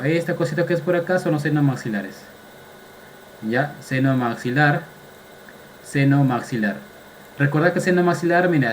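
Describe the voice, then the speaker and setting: A man's voice: fairly high pitch, a little hiss or hum, low-quality recording. Man quizzing medical students. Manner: drills students with repeated questions, quizzing them; sprinkles casual slang among technical terms. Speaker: anatomy lecturer. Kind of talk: online medical lecture.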